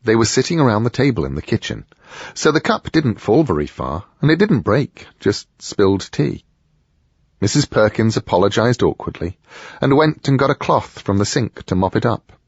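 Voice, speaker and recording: A man narrating an audiobook in an expressive storytelling style. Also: lowish voice, moderate pace, husky, dry recording, lo-fi sound. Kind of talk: scripted narration.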